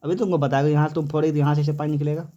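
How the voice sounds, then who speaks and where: A man's voice: on the high side, flat delivery, racing, dark tone, dull audio. A young man with a Bihari Hindi accent teaching a physics lesson, often asking the students questions back. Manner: quizzes students with repeated questions.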